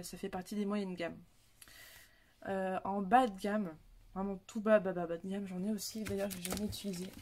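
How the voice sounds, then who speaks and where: A woman's voice: medium pitch, a little hiss or hum. A young woman, chatting casually about her coloring supplies, rambling with many fillers and restarts. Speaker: coloring hobby vlogger. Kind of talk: casual chat showing supplies.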